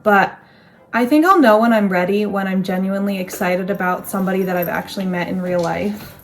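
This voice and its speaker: A woman's voice: medium pitch, brisk. A young woman in casual chat, thinking aloud in a reflective, rambling way with restarts. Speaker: co-host.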